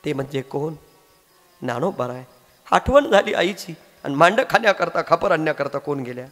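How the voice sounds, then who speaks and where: A male kirtan preacher tells a saint's story with strong emotion and drama, his fairly high, expressive voice a bit bright and at normal speed. He's recorded in an echoey hall with faint music in the background.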